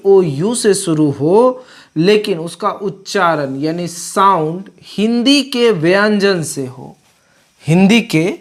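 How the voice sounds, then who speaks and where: A woman teaching English grammar in a classroom-style lecture. She spells out letters and asks questions that she then answers herself. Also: mid-range voice. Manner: slow and deliberate, spells letters aloud, asks and answers her own questions.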